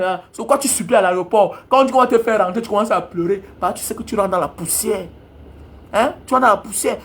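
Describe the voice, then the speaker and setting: A man's voice: very high voice, fairly bright tone. A young man, delivering a heated, scolding monologue as a travel advisor. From Cameroon. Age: young adult. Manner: angry, scolding, repetitive rant.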